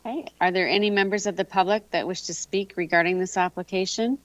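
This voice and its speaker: A woman chairs a formal committee meeting, moving through procedure in a mid-pitched voice. The sound is very dry and somewhat dull. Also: fairly even intonation, quick pace, no room sound.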